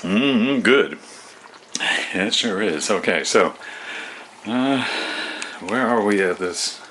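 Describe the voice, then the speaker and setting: A man's voice: on the low side, animated, slow, background noise. A man chatting to himself in his home kitchen, rambling and absent-minded as he cooks and tidies up. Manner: absent-minded, talks to himself while working. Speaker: home cooking vlogger. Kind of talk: rambling casual cooking commentary.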